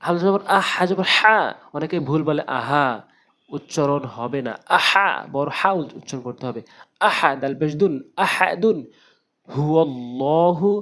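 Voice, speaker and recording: Man spelling out Arabic syllables. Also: a little high. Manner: drills syllables slowly, letter by letter, then repeats whole words. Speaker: Quran recitation teacher. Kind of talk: spoken tutorial with slow spelled-out recitation.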